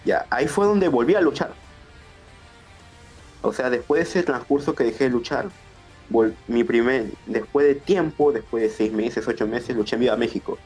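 A young man, a wrestler chatting in an interview, excitable and rambling. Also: mid-range voice, moderate pace, slightly rough, faint music behind. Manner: excitable, acts out quotes, rambling restarts. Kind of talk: casual interview.

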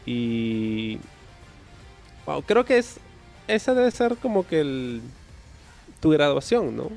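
A man interviewing a guest in a relaxed, casual way, often ending remarks with a question tag. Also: a little high, slow pace, creaky, soft background music.

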